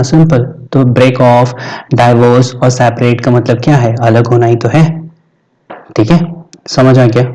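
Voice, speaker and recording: A man's voice: medium pitch, warm tone, rough recording. An Indian man whose first language is Hindi teaches an exam-prep vocabulary lesson, repeating words and checking in with his students constantly. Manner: repeats and quizzes, frequent "theek hai" check-ins.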